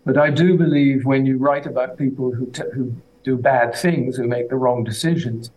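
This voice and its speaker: A man, a guest author, answering radio interview questions in a hesitant, halting way over a remote line that sounds like an echoing tunnel. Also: medium pitch, steady tone, a little mellow. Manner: hesitant, halting, restarts words. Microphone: remote connection into a radio studio.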